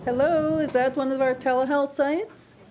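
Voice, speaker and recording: Higher-voiced woman hosting a Q&A. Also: fairly even intonation, normal speed, a little mellow, a little hiss or hum. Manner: polite, procedural. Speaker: event host and moderator.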